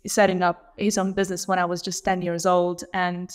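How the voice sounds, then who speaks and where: A woman's voice: on the low side, flat delivery, moderate pace, smooth. A woman in her thirties from Lithuania, a guest on a podcast, telling her story in a thoughtful, reflective way over a video call. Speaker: guest, operations leader. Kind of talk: casual interview chat. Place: small room at home. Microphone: video call with earbuds.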